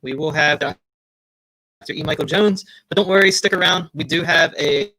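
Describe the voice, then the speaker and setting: Brief: male stream host, bright, higher voice, dry close sound, rambling. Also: moderate pace, no echo. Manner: rambling, chatty, many fillers. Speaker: livestream host. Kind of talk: casual livestream chat.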